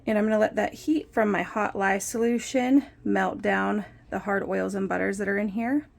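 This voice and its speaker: A woman's voice: mid-range voice, fairly even intonation, normal speed, gravelly. A young woman hosting a casual soap-making vlog, chatty and self-deprecating as she talks through each step. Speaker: soap maker and channel host. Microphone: phone propped on a windowsill.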